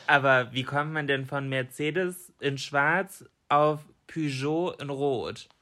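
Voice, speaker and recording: A man's voice: medium pitch, steady tone, takes it slowly, bright, forceful tone. A man chatting casually as a podcast co-host in an informal, colloquial way. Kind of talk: casual chat.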